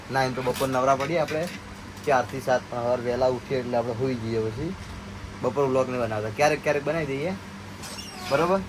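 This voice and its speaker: A man gives a chatty, rambling tour of his small shop and storeroom, talking straight to his viewers. His voice sits at an ordinary pitch. Street traffic and noise fill the background. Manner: chatty, keeps addressing viewers as guys. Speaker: shopkeeper vlogger. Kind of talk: casual vlog commentary.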